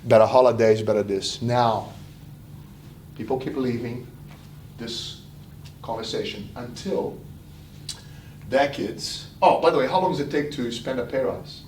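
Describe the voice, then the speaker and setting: A man giving a motivational seminar talk in an animated, rhetorical way, repeating phrases for emphasis and acting out imagined quotes. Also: mid-range voice, a little slow, pauses often. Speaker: speaker giving a wealth seminar. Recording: echoey room, distant mic, faint noise.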